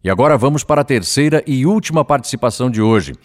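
A man hosting a radio program, presenting callers and reading out a phone number in a measured announcer delivery. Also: mid-range voice, expressive.

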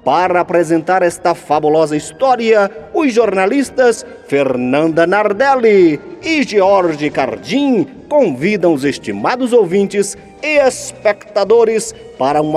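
Man, high lively voice, slow grand showman delivery, circus-ringmaster announcer, soft music beneath. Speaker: radio announcer. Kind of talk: theatrical circus-ringmaster introduction.

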